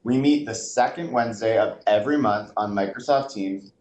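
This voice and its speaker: A man's voice: lowish voice, normal speed, darkish tone. A man reading a scripted announcement in an upbeat, mock broadcast delivery. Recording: roomy echo with faint noise.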